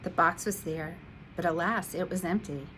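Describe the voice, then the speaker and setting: A woman, an instructional coach, reading a children's picture book aloud in an expressive, animated way. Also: fairly low pitch, normal speed, background noise.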